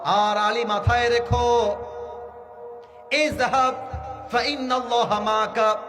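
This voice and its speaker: Man preaching, very high voice, slow delivery, shouts at the crowd, music behind. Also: little pitch movement. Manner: calls out to the crowd and asks for answers; shouts at peaks, acts out quoted fighters. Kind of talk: sermon.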